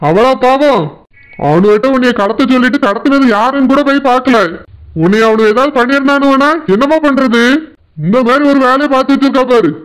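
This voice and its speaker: A man's voice: very high voice, a little fast, fairly bright tone, clean tone, low-quality recording. A man voicing a stern, angry middle-aged village father who lectures indignantly with a Tirunelveli Tamil accent. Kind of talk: cartoon voice acting.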